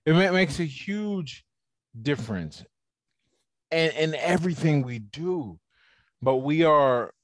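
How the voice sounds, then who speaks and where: Male podcast guest, mid pitch, talks things through loosely and at length, dry close sound. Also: no echo. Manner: explains ideas at length, casual. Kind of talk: casual conversational interview.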